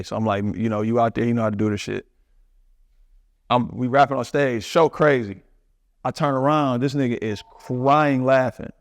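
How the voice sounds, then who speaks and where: A middle-aged man rambles through a casual interview, full of slang and restarts. His voice sits at an ordinary pitch with a gravelly edge. The sound is dry and close. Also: no echo. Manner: rambling, loose storytelling with many restarts and slang. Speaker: interview guest.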